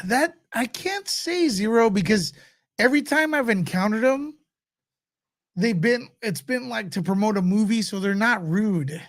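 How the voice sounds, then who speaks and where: A nasal-voiced show host runs a casual livestream, answering viewer questions in a laid-back way, laughing often and slipping into mock radio-announcer bits. His voice sits high, expressive and measured.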